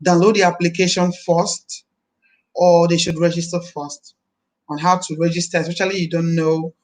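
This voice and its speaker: A woman minister in her thirties chats on a live stream in a voice that's deep this morning, friendly, repeating phrases and blessing viewers. Her tone is level and her pace moderate, with a little hiss or hum in the background.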